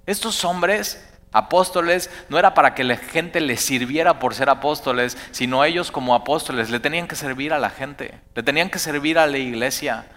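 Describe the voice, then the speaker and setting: Pastor preaching, bright forceful voice kinda high, big echoey church hall. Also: male voice, moderate pace. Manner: animated, rising to emphatic bursts then dropping to quiet asides. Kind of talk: sermon. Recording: long hall reverb.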